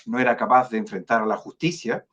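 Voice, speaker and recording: Chilean guy on a video call interview, slow careful talk w lots of ums, kinda muffled audio. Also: medium pitch, steady tone, a bit bright. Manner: measured, hesitant, many fillers and restarts. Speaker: foundation director, guest. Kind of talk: online interview.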